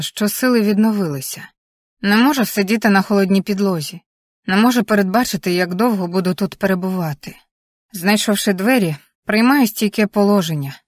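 A woman reads a first-person thriller aloud, tense and vivid, with her pitch sitting in an ordinary middle range. The sound is dry and close, with no room echo. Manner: tense, vivid present-tense narration. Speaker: audiobook narrator. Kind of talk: first-person dramatic story reading.

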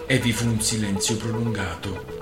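A man's voice: fairly low pitch, steady tone, normal speed. A man giving a theatrical radio reading of a novel. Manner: theatrical narration. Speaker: radio reader. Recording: roomy with music behind.

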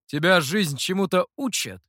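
Man doing a curt, irritable dark master. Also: sits high, lively intonation, normal speed, no room sound, studio quality, pitched above the performer's own voice. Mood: exasperated. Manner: curt and exasperated.

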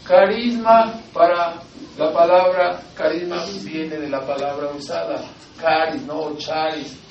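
A man's voice: a little high, fairly even intonation, measured pace, lo-fi sound. Male Mexican pastor, emphatic sermon, rhetorical questions, roomy hall, mic at a distance, faint background hum. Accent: Mexican Spanish. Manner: emphatic, rising to loud exhortation, asks and answers rhetorical questions.

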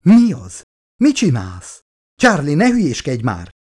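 A man's voice: fairly high pitch, huge pitch swings, darkish tone, pitched above the performer's own voice. A man voicing a frantic young female scientist, pleading and alarmed in an audiobook reading.

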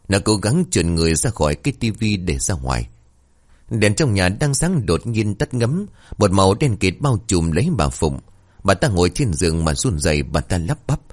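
A man narrating a horror story in a steady, expressive storytelling manner. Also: deep voice.

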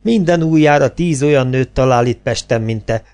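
A man's voice: medium pitch, a little mellow, natural voice. A man voicing a worldly cabaret actress who lectures her friend in a weary, reproachful way. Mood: lecturing.

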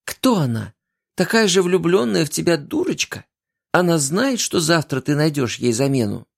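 A man voicing a heartbroken young woman who pleads tearfully and breaks into shrill outbursts. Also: sing-song, moderate pace, vocal fry, heavily acted. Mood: desperate.

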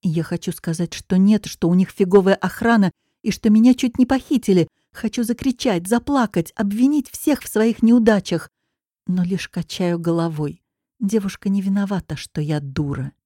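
A woman narrating a first-person audiobook with dramatic, expressive storytelling. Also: medium pitch, moderate pace, no room sound, clean studio sound.

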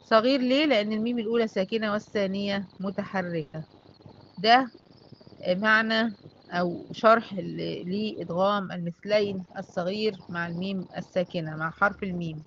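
A woman with an Egyptian accent teaching Quran recitation rules, asking and answering her own questions and reciting examples slowly. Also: medium pitch, fairly bright tone, lo-fi sound, a little hiss or hum. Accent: Egyptian Arabic. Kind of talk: online class teaching tajweed.

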